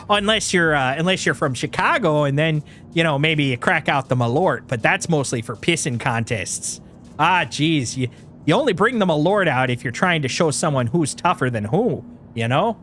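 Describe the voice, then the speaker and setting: Joking and laughing through a casual live stream, a Wisconsin gamer leans into his Upper Midwest accent and throws out exaggerated folksy exclamations. His slightly nasal voice sits on the high side at normal speed, with a little hiss or hum in the audio.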